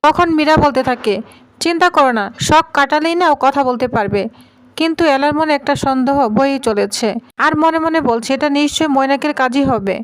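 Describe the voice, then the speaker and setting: Woman narrating a tv serial story, high voice, reads all the lines pretty much the same. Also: moderate pace, no echo, rough recording. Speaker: narrator retelling a TV serial episode. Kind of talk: storytelling narration with quoted dialogue.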